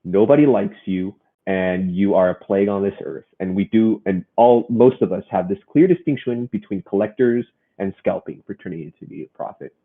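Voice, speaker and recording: A man's voice: on the low side, fairly quick, hardly any pauses, breathy edge. A man co-hosting a gaming podcast, chatting casually and rambling with many restarts. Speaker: podcast co-host. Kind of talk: casual chat. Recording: phone-like muffled audio.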